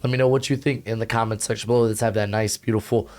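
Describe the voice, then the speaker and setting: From a home recording setup with a humidifier, a young college football analyst and channel host gives casual rankings commentary to camera. His voice is hoarse and fairly low, and he's energetic and slangy, firing off rapid asides stuffed with fillers.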